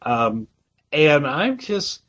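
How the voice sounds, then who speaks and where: A man's voice: fairly high pitch, big pitch swings, very slow, a bit bright, low-quality recording. A man co-hosting a casual album review podcast, talking in a hesitant way with many restarts. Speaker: podcast co-host.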